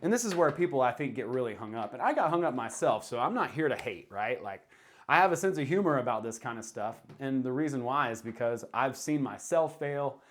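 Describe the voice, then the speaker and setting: A man's voice: mid-range voice, animated, a little fast. A man speaks in a mid-range voice with a Southern US drawl. He explains things informally, as a video creator talking straight to viewers. His delivery is conversational, with emphasis on the points that matter to him. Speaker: self-help video creator. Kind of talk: casual explanatory talk to camera.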